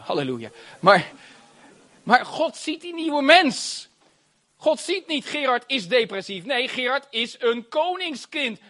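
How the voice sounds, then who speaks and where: A man preaching a sermon, animated and exclamatory, with frequent hallelujahs and amens and laughter between phrases. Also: very high-pitched.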